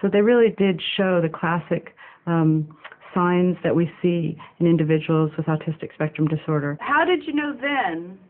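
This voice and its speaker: A woman researcher who asks patient, clear interview questions and explains her methods. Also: lowish voice, animated, normal speed. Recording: tinny phone-like lo-fi sound.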